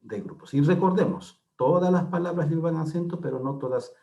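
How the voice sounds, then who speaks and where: A man teaching a grammar lesson, patient and measured, repeating key words and checking in with frequent tag questions as he walks through examples on a slide. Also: on the high side, dark tone, lo-fi sound. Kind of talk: classroom lecture explaining slides.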